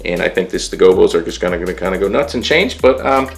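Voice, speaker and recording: A man's voice: low voice, animated, quick pace, vocal fry, faint music behind. A man reviewing DJ lighting gear in a casual, chatty vlog, thinking aloud as he sets up. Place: indoor room with DJ gear.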